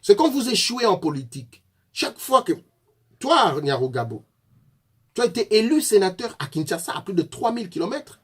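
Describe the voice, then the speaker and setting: A man's voice: high-pitched, very animated, normal speed, a bit bright, slightly rough. A man from Congo with a Congolese French accent gives a fiery political address, accusing his opponents directly. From Congo (DRC). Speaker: political activist.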